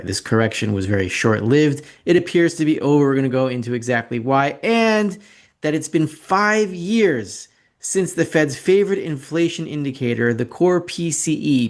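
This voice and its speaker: A man hosts a casual financial commentary show over slides, opinionated and sardonic, repeating phrases for emphasis. His medium-pitched voice moves at a moderate pace with lively intonation.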